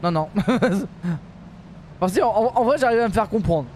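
A man's voice: high-pitched, normal speed, slight background noise. A man streaming live gameplay, exasperated and swearing, swinging from mutters to outbursts and laughing at himself. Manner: animated, jumps from mutters to outbursts. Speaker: streamer playing a bus simulator.

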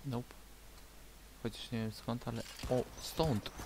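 A man's voice: mid-range voice, steady tone, takes it slowly. A man chatting casually with plenty of swearing as he plays a video game. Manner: crude, swearing. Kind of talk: casual gaming chat. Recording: hissy, noisy voice chat.

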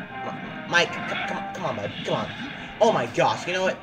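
Excitable gaming commentator over loud music. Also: medium pitch, moderate pace. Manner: cheers on a computer fighter, hype bursts. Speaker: gameplay commentator. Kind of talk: excited let's-play commentary. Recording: game music loud behind voice. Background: game music.

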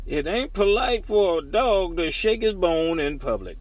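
A man with a high-pitched voice chats casually on CB radio. His talk is slangy and folksy, full of teasing banter. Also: big pitch swings, unhurried. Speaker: CB radio operator.

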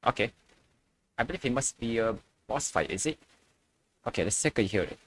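A man's voice: mid-range voice, animated, fairly quick, slight background noise. A young man giving casual reaction commentary as a video host.

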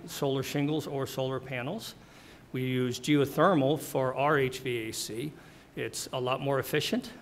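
Earnest gravelly-voiced man on a panel. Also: mid-range voice, slight background noise. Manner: earnest, plainspoken, clears throat often. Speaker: home builder, panelist. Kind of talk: panel presentation. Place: wood-paneled hearing room. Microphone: table mic on stand.

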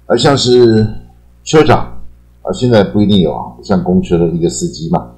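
A man giving a casual, chatty English vocabulary lesson. He repeats key words and ends his phrases with a drawn-out particle. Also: lowish voice, warm tone, poor audio. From Taiwan. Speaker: English teacher. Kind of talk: casual explanatory lecture.

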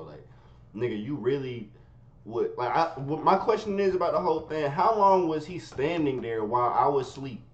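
Animated man in a roomy bedroom. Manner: animated, swings from low mutters to high yelps; profane slangy street talk. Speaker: vlogger telling a story. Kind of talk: casual storytime. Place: his bedroom. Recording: roomy, dull lo-fi sound.

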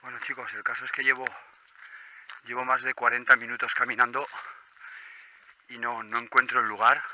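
A man with an accent from Spain narrating a night exploration vlog in a hushed, halting way as he walks. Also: medium pitch, dull audio. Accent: Spanish, from Spain. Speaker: urban exploration vlogger. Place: on foot at night among abandoned rural buildings and woods.

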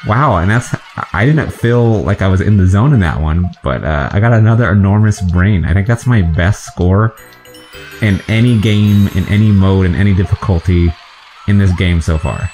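A man's voice: low-pitched, normal speed, a little mellow. A man hosting a let's play, chatting and guessing aloud to himself as he plays through a video game. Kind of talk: gameplay commentary. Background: faint game music.

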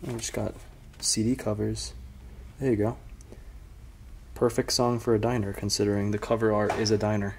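A young man with a lowish voice talks casually to a camera held at arm's length. He narrates an exploration vlog in a relaxed, chatty way, with lots of filler words. He is recorded inside a large, empty diner, with a faint hum of room sound behind him. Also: moderate pace, pauses often. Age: young adult. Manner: relaxed, chatty, with a lot of "like" and "I mean". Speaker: urban explorer vlogger host.

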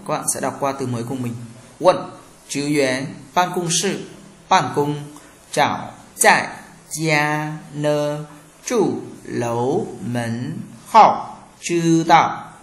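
A man teaching a Chinese lesson, reading words and short dialogues slowly and explaining grammar. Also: medium pitch. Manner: slow, clear drilling of words, explains grammar. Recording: echoey room.

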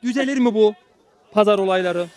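A man's voice: sits high, brisk, a little mellow. A middle-aged man working as a street interviewer, asking questions in a casual, informal way. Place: busy outdoor street market. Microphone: handheld reporter microphone. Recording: busy market crowd noise behind.

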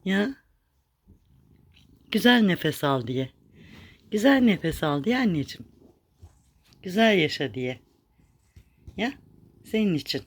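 A woman's voice: lowish voice, big pitch swings, slow, long pauses. A woman caring for a street cat at home and talking to it in fond, chiding baby talk, repeating its name, with a cat purring nearby. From Turkey. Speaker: street cat rescuer and vlogger.

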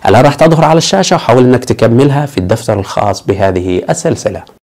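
A man's voice: mid-range voice, expressive, very fast, a little mellow, a little hiss or hum. Upbeat man teaching English. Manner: explains step by step, switching between Arabic and English; upbeat, repeats a catchphrase. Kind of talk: online language lesson.

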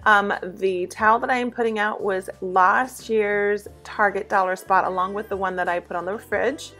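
A woman's voice: mid-range voice, steady tone, normal speed, pushed and bright, soft background music. A woman in her thirties chatting casually in a voice-over about her kitchen decor, with plenty of ums and asides. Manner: chatty, with frequent um fillers and asides. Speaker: home cleaning and decor vlogger.

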